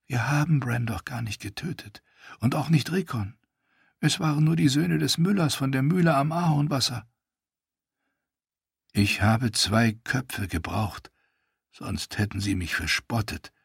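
A man's voice: mid-range voice, unhurried, gravelly, breathy edge, no room sound, clean studio sound, pitched above the performer's own voice, heavily acted. A man voicing a broken, desperate young male captive who stammers and pleads.

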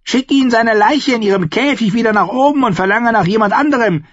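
A man's voice: extremely high pitch, fairly quick, dry recording, voice pushed up. A man voicing a fierce, hateful wildling warrior woman with a spitting, savage snarl. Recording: slightly dull, dry recording.

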